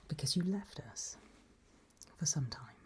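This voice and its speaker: In a whispered role-play, a woman voices a gentle, eerie undead guide, giving soft instructions slowly and patiently. Her full character voice sits low, with a breathy, husky whisper.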